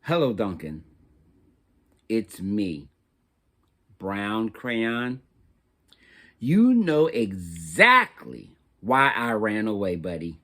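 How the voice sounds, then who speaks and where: A man's voice: lowish voice, sing-song, extremely slow, pauses often, a bit bright, pitched below the performer's own voice, exaggerated voice. A man voicing an embarrassed, resentful crayon in a storybook, muttering and sarcastic. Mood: sullen, embarrassed.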